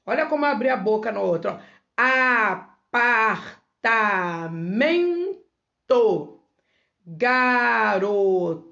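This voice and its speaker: A Brazilian Portuguese woman teaching young children in a remote lesson, sounding out words slowly syllable by syllable. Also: medium pitch, expressive, creaky, muffled recording. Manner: slow, syllable-by-syllable word demonstrations. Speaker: primary school teacher.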